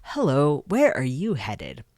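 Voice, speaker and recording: Streamer doing a pushy lady engineer on the run, game voice, loud and higher, dry close sound. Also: wildly swooping pitch, slow pace, no echo. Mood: eager. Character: eager runaway female engineer, in a hurry.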